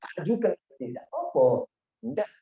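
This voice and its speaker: A man's voice: fairly quick, gravelly. Man preaching in a roomy, dull recording. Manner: animated, acts out dialogue with sudden high exclamations. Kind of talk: sermon storytelling.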